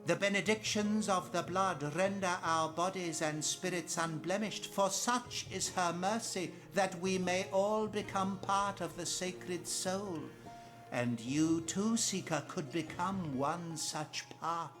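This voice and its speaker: High-voiced, lofty cult priest. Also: male voice, slow, fairly bright tone, soft background music. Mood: pious, inviting. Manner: grandiose, sermonizing, condescending. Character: lofty, zealous cult priest preaching of a blood goddess. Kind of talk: theatrical fantasy game dialogue.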